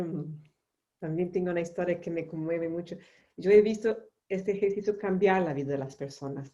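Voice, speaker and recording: A woman interviewer speaking in a soft, reflective way in a conversation. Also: on the low side. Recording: dull muffled sound.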